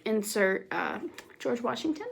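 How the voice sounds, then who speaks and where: Woman, homemade history explainer, high-pitched, goofy, slangy, lively delivery. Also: a little slow, creaky, a little hiss or hum, rough recording. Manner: playful and jokey, with slang asides; lively, with sudden loud bursts and drops to near-whispers. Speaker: presenter of a homemade history video.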